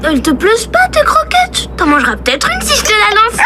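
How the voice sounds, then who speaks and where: Excitable, very high-pitched little cartoon girl. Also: brisk, heavily acted. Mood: scheming, sweet. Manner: pleading, exclamatory. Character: eager, excitable young girl longing for a dog. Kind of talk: animated children's cartoon dialogue. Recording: loud music behind the voice.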